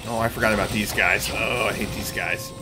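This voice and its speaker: A middle-aged man with a fairly low, steady voice talks fairly quickly while livestreaming a game. He's a streamer hosting his own channel, chatting casually with viewers and explaining the game from a room at home as game music plays.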